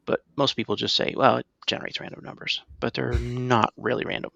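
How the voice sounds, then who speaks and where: A middle-aged podcast co-host explains things in casual conversation, often checking in with "right?". His mid-range voice is steady, a little fast, gravelly, pushed and bright, in a dry, muffled recording.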